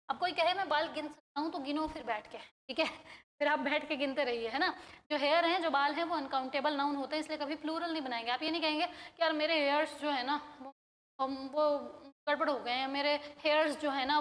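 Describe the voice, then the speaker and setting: A woman with a Hindi accent teaching an English grammar lesson, drilling word lists and quizzing her students in a brisk, coaxing way. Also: sits high, fairly bright tone, long reverb tail. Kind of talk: classroom-style grammar lesson. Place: coaching institute in India.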